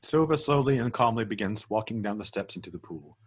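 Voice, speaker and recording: A man with a rather husky, fairly low voice narrates a table read, reading out the screenplay's directions. His delivery of the scene descriptions is measured and scripted, though his intonation is lively.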